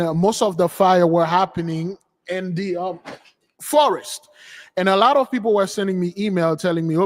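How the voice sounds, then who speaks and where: A man's voice: fairly high pitch, in a large hall. A man hosting a religious commentary on news clips, talking in a scoffing, repetitive, conversational way. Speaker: host.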